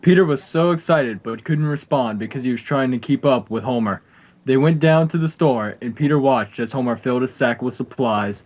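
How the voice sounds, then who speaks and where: A man's voice: mid-range voice, moderate pace, a little mellow, low-quality recording. Man reading a story aloud. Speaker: narrator. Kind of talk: scripted narration.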